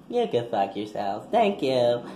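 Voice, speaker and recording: A man's voice: mid-range voice, huge pitch swings, takes it slowly, warm tone, a little hiss or hum. A man voicing a brash, foul-mouthed young woman graduate giving a crude, combative speech in a comic skit. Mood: sassy. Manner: crude, combative, trash-talking. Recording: echoey room.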